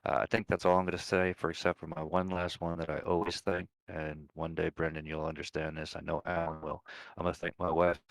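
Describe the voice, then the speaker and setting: A man in his forties with an extremely deep, gravelly voice that stays flat and even. He talks in a rambling, heartfelt way in a casual post-race interview, and the sound is dry and close. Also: a little fast, dry recording. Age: 40s. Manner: rambling, heartfelt, full of thanks. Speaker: sim racing driver being interviewed.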